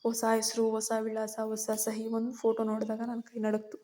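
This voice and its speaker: Woman with a very mellow, dark tone. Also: on the high side, completely flat delivery, fairly quick. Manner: tense, fearful storytelling. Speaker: storyteller. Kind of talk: dramatic first-person story narration.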